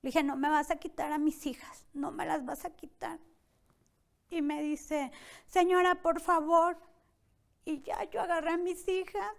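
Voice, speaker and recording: Guest: young woman, high voice, tense personal testimony told with many quoted exchanges. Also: fairly even intonation, moderate pace, gravelly, darkish tone. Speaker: interview guest.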